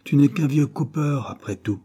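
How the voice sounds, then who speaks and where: A man voicing a shrill, ill-tempered working wife who scolds and shouts. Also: lively intonation, normal speed, breathy edge. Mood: furious. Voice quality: piercing, shrill.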